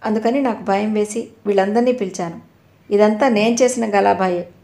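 A woman voicing a caring young male doctor who speaks gently and reassuringly. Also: medium pitch, normal speed, gravelly, natural voice. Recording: roomy echo.

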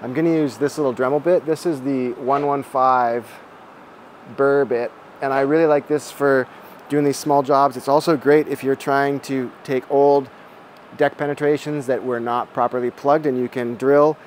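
A man in his forties calmly explaining each step of a repair job while he works in a boat shed. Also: medium pitch, normal speed, slight background noise. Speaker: boat restorer. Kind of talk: how-to narration while working. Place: boat shed with timber frame, indoors.

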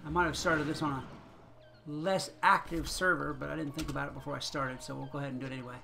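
A man's voice: fairly high pitch, fairly even intonation, fast, creaky, sharp tone, slight background noise. A man giving casual, chatty commentary on his own gameplay, thinking aloud and chuckling often as he plays. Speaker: gaming channel host.

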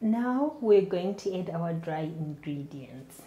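A woman in her thirties hosts a cooking show from her home kitchen, walking through a recipe step by step for the camera. Her lowish voice comes slowly and steadily, with a roomy, lo-fi sound.

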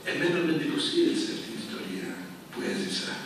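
An older man giving a church lecture, telling a story in a lively way and acting out the dialogue. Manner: lively anecdote with acted-out dialogue. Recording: echoey hall, far from mic, background noise.

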